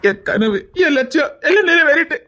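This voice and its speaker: A woman's voice: high voice, lively intonation, a little fast, pushed and bright. Woman doing tearful village policeman. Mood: tearful joy. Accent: Tirunelveli Tamil. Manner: tearful, earnest, affectionate. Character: village policeman husband, emotional and devoted.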